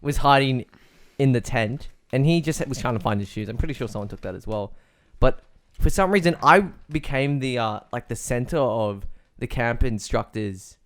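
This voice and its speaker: A man's voice: medium pitch, expressive, normal speed, hardly any pauses. A teenage man co-hosting a podcast, telling a story in a loose, rambling way with restarts. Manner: rambling, self-correcting storytelling with laughs. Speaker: podcast co-host. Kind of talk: casual storytelling.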